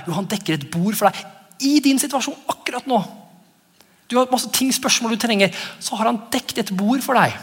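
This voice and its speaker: A man in his thirties preaching a sermon as pastor, animated and often laughing as he acts out his children's voices. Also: high-pitched, breathy edge. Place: church. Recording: church hall reverb.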